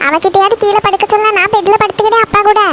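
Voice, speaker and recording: A woman's voice: very high-pitched, steady tone, very fast, background noise. A woman voicing a young girl in a cartoon, scared and pleading with her mother. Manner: whiny and pleading. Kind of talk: cartoon voice acting.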